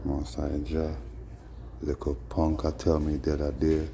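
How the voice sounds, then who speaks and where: Very deep, gravelly Rasta man. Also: monotone, a little slow, background noise. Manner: Rasta speech with patois and frequent tag phrases. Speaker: host. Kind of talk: casual rambling vlog monologue in Rastafarian speech.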